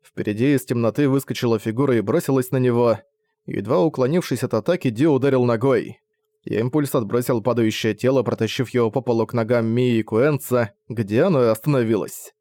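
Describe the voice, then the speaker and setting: A male narrator with a mid-pitched voice, reading a fantasy novel aloud at a steady, measured pace. His narration is even and clear. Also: no echo. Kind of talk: audiobook narration.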